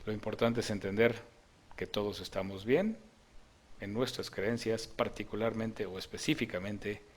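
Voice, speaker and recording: A man's voice: fairly low pitch, moderate pace. A man narrating a scripted opinion video in a lecturing, argumentative manner.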